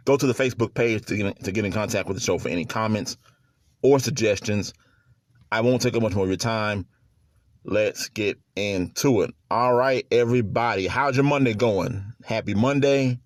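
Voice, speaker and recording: A man's voice: on the low side, moderate pace, no room sound, studio quality. A man hosting his own sports podcast in a casual solo chat, easygoing and prone to chuckles and repeated words.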